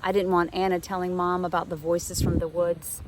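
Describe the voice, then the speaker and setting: A woman reads a children's novel aloud like a teacher, giving it dramatic, suspenseful expression as a storybook read-aloud, though her delivery is flat. Her lowish voice moves at normal speed, with background noise present.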